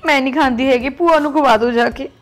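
A woman's voice: sits high, fast, soft background music, natural voice. A young woman, playing a rebellious daughter who refuses a forced marriage in a family drama series. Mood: sulky. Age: young adult. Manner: rebellious, sharp-tongued. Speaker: daughter, college student.

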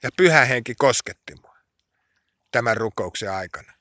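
A man preaching a sermon, slow and emphatic, his voice rising into pleading, impassioned cries when he prays. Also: medium pitch, animated, pushed and bright, no room sound, studio quality.

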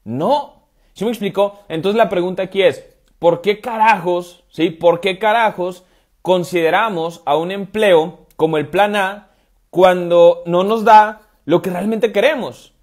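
A man in his thirties with a fairly high voice, hammering home his point in a motivational live stream. He fires off rhetorical questions, repeats key phrases for weight, and talks into an earphone mic from a phone camera indoors. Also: measured pace. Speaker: online business coach. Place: indoors, room with stone-pattern wall. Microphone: wired earphone headset mic, phone camera.

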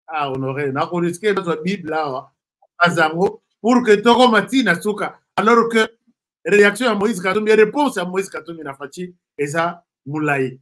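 A man with a Congolese accent giving casual political commentary, pausing often with fillers and restarting his sentences. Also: high voice, fairly bright tone. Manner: hesitant, many fillers and restarts.

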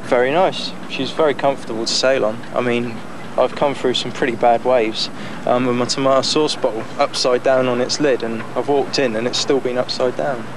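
A young man speaking casually in an interview outdoors on a boat deck, relaxed and chatty, with frequent fillers and laughs. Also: mid-range voice, normal speed, few pauses. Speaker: amateur boat builder. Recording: noisy outdoor 1990s news tape.

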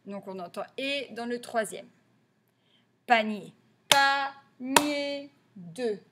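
Slow, patient French teacher woman. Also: mid-range voice, background noise. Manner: slow, patient, repeats each word clearly and stresses sounds. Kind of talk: early reading lesson for young children.

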